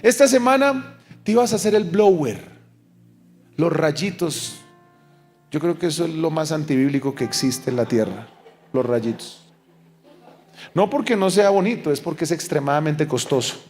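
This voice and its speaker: Pastor, man, fairly high voice, emphatic pulpit delivery, faint music under. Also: a little fast. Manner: emphatic, animated preaching with call-and-response. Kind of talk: sermon. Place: church service.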